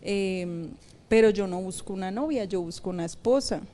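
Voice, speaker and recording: A woman's voice: medium pitch, moderate pace, slight background noise. Laughing woman pastor telling her story. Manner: animated storytelling, laughs often. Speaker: pastor, interview guest. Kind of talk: personal testimony in a podcast interview.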